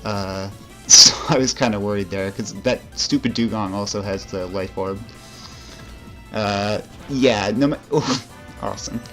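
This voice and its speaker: A man's voice: fairly low pitch, steady tone, unhurried, pushed and bright, soft background music. A young man giving casual, rambling commentary over a video game, with frequent fillers and self-deprecating asides. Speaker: let's play commentator.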